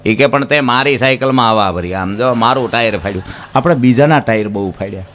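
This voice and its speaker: A man telling folk stories and jokes on stage, animated and acting out characters. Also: mid-range voice, a little fast. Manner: animated, acts out characters, addresses listeners as "sir". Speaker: folk storyteller and comedian. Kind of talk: Gujarati dayro storytelling to a live audience. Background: plucked string music.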